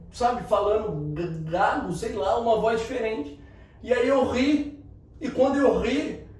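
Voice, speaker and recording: A man with a fairly high voice gives an emphatic motivational talk, coaching the listener directly. He is recorded from a distance in a very echoey room with faint ambience behind him. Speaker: motivational speaker.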